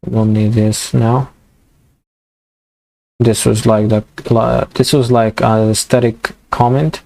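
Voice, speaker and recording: Halting man teaching code, voice going. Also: medium pitch, level tone, creaky, darkish tone. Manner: halting, many fillers and restarts. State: losing his voice. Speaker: programming tutor. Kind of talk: screen-recorded coding tutorial.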